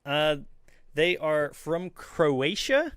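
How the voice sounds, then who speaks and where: A man's voice: a little high, very animated, fairly bright tone, smooth, no room sound, studio quality. A man hosting a casual interview, chatty and a bit apologetic. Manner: chatty, apologetic, quick laughs. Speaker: host.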